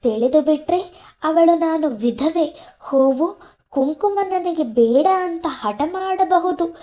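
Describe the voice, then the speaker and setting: A woman reading the lines of a grieving older father who gently consoles his wife, in a soft, sorrowful voice. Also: sits high.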